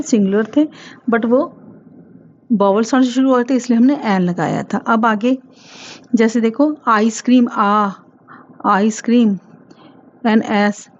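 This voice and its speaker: A woman's voice: fairly high pitch, darkish tone, highs cut off. A woman with an Indian accent teaching a grammar lesson to children, patiently asking questions and repeating words. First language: Hindi.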